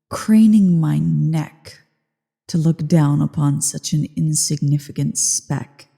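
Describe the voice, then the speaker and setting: A woman voicing a haughty, menacing ancient dragon queen in a slow, theatrical ASMR roleplay, imperious and full of disdain. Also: low voice, gravelly, warm tone, full character voice. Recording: cavernous echo and long reverb.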